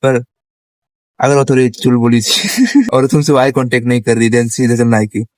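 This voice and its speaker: A man's voice: medium pitch, moderate pace, no room sound. Chatty young man with a dry close sound. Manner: laughs often, mixes Hindi and English; chatty, addresses listener as bro. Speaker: vlogger giving dating advice. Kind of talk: casual advice monologue.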